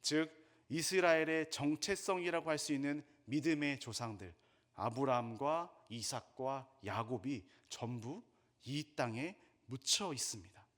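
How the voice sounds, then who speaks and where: A middle-aged man giving a sermon as a pastor, with expressive preaching that drops low and slow on quoted scripture. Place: church sanctuary.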